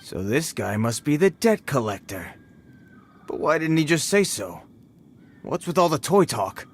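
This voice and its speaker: An actor playing a brash male treasure hoarder bandit who talks in rough, blustering slang. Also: on the high side, very animated, a little slow, a little hiss or hum. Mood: puzzled. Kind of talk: video game voice acting.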